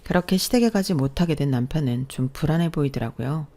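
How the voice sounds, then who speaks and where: A woman's voice: low-pitched, animated, fast talker, dark tone. A woman reading a first-person radio story in a confiding, plaintive way. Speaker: story narrator.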